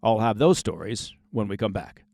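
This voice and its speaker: A man's voice: fairly low pitch, lively intonation, normal speed, creaky, darkish tone, no room sound. Dry, sarcastic male news host. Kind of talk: scripted news commentary.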